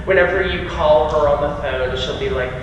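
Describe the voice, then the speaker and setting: Young man, student presenter: earnest, halting, a bit high, heard from far off in an echoey hall. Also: lo-fi sound. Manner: earnest, halting with many fillers. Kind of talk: speech at an honors forum. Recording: echoey hall audio from far off, faint rumble.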